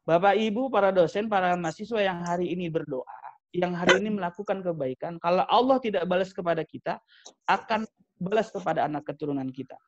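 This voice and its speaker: Gravelly-voiced man giving a joking sermon. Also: sits high, fast. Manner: joking asides to the audience. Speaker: preacher. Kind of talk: humorous religious talk. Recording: dry, slightly dull sound.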